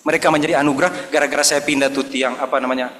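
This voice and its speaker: A man's voice: fairly high pitch, steady tone, rapid-fire, a bit bright. Man, pastor, sermon, storytelling, voices the people in his stories, long church reverb, faint background noise. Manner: storytelling, acting out dialogue in voices. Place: church service.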